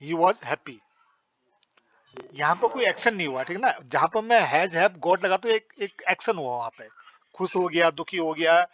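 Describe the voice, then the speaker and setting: A man's voice: high voice, lively intonation, unhurried, fairly bright tone, muffled recording. A man teaching English in a patient, repetitive lesson, often checking that students understand. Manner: explains patiently, repeats phrases, checks understanding. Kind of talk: spoken English lesson in Hindi.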